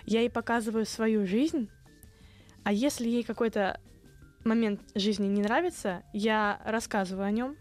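A woman's voice: on the high side, normal speed, a little mellow, faint music behind. A young woman with a lisp that makes her s slushy and slippery, chatting casually as an interview guest. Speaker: video blogger guest.

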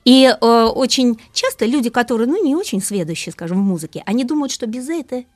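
A woman guest speaking as a music expert, explaining things lively and asking rhetorical questions. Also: a little high, fast, no room sound. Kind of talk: radio talk about opera.

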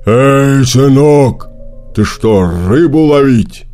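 A man's voice: warm tone, soft background music. A man voicing a big, greedy old male bear in a storybook reading, roaring and drawing his words out. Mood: coaxing loud. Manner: roaring, drawn-out, booming.

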